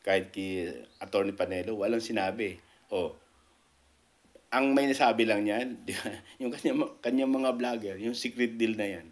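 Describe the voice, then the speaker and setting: A man giving casual political commentary as a vlogger, animated and repetitive, his voice jumping up in pitch when he makes a point. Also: moderate pace. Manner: animated, repetitive, keeps asking "di ba?"; rises sharply in pitch when making a point.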